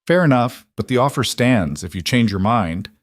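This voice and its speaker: A man's voice: mid-range voice, lively intonation, moderate pace, no room sound, clean studio sound, lightly acted. A man voicing a determined woman executive who speaks earnestly and persuasively.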